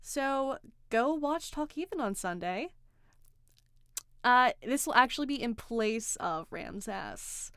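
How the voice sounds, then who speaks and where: A woman hosting a livestream in casual chat, sarcastic and animated, reading out chat comments. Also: a little high, takes it slowly, smooth, dry recording, clean studio sound. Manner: animated, sarcastic, reads chat aloud, swears and laughs. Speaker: livestream host.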